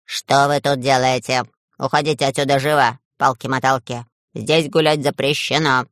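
A woman voicing a small, bearded, grumpy male forest gnome who grumbles and scolds in a low, gruff voice for a children's audiobook. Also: steady tone, normal speed, fairly bright tone, no echo, studio quality. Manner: suspicious, scolding.

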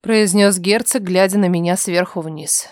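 A woman reading a first-person story aloud with a tense, emotional and often softened delivery. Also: lowish voice, normal speed, no echo, studio quality. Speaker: audiobook narrator.

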